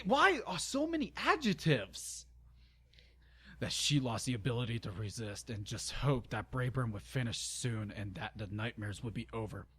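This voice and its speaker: A man's voice: medium pitch, breathy edge. A young man giving a dramatic reading of fan fiction, breaking off with groaning, exasperated asides and stumbling over words.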